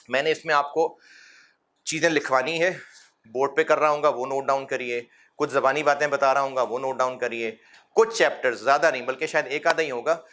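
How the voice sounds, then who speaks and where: A middle-aged man with a mid-range voice lectures a classroom of accounting students. His manner is fatherly and encouraging, with rhetorical questions and gentle humor.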